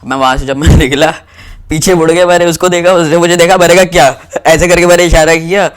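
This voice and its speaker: A young man from Pakistan, telling a travel story to camera in a rambling, animated way with lots of fillers. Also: a little high, quick pace.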